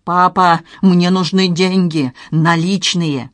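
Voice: mid-range voice, steady tone, slow pace, no room sound, clean studio sound, close to an everyday voice. A narrator voicing a furious desperate grown son. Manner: shouting, bitter, pleading. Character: angry frightened adult son in trouble. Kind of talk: dramatized audiobook reading.

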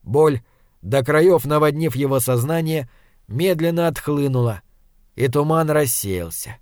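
A man narrating a literary audiobook in a steady, even storytelling manner. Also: fairly high pitch, unhurried, no echo, clean studio sound.

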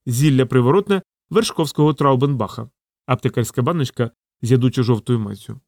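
A man narrates an audiobook in a steady, even voice at a mid pitch. The recording is close-miked and very dry, with no room sound. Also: a little fast, no echo. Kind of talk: scripted narration.

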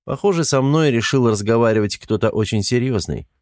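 A man narrating a first-person audiobook in an even, restrained, matter-of-fact delivery. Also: medium pitch, a little fast, no echo, studio quality.

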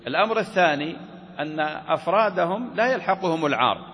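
A man's voice: high voice, animated, fast, fairly bright tone, husky. A man teaching Islamic jurisprudence, asking his class questions and answering them himself. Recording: reverberant hall with faint ambient noise.

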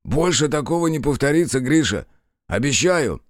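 A man's voice: fairly high pitch, very animated, normal speed, no echo, clean studio sound, voice pushed up. A man doing a fawning, guilty young detective. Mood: pleading. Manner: pleading, wheedling.

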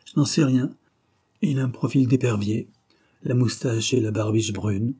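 A man voicing a big, brash young man who talks bluntly and provokes others with mocking calm. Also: mid-range voice, normal speed, slightly rough, natural voice. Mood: scornful.

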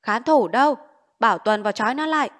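A harsh old village official barks curt orders in an audiobook, voiced by a woman narrator. His words come short and loud, and he leaves no room for argument. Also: mid-range voice, normal speed, close to an everyday voice. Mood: stern. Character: stern old male village official, commanding. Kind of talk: audiobook character voice.

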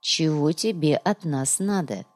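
A woman voicing a gruff male mercenary who grumbles in a low, quiet voice for an audiobook. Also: a little fast, natural voice.

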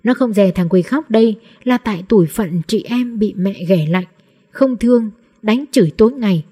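A woman narrating a novel aloud in a steady, measured storybook reading. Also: mid-range voice, husky. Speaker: audiobook narrator.

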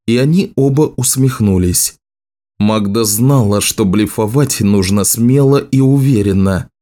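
A man's voice: mid-range voice, dark tone. A man steadily reading a fantasy novel aloud as the audiobook narrator.

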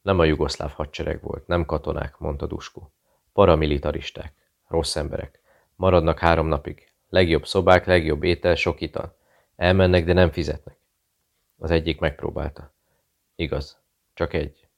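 A man puts on a frightened barkeeper in an audiobook, a Serbian man who speaks in short broken phrases. He keeps his voice hushed and guarded. The voice sits very low with a gravelly edge. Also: level tone. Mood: fearful. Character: Serbian male barkeeper, nervous, secretive, broken speech.

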